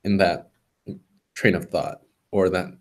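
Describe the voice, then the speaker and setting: Young man, low voice, casual podcast chat, sweary, informal. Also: fairly even intonation, slow pace. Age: young adult. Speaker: podcast co-host. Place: library room.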